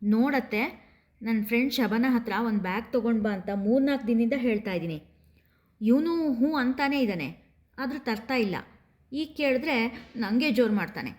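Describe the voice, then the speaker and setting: A woman's voice: fairly high pitch, a little fast, a little mellow, pitched above the performer's own voice, natural voice. Woman voicing a hurt, tearful young bride. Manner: scolding, wounded.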